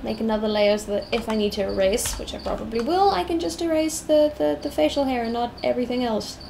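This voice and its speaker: This young South African woman talks fast, with a fairly high, gravelly voice and an accent blending British and American-tinged English. A digital artist on a live stream, she chats, hums to herself, and meanders as she thinks aloud over her drawing. Steady noise and crickets sound in the background.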